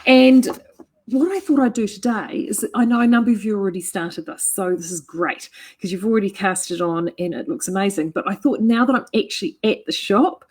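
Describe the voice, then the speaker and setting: She's a knitting vlogger and yarn shop owner, middle-aged and speaking with a New Zealand accent. Her mid-range voice is a little mellow as she talks to the camera from the shop. She's casual and enthusiastic, often restarting and using fillers.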